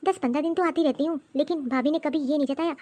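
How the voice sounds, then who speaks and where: A woman's voice: high-pitched, quick pace, a little mellow, natural voice. A woman voicing a young sister-in-law in a cartoon, with a gossipy, teasing way of talking. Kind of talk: cartoon voice acting.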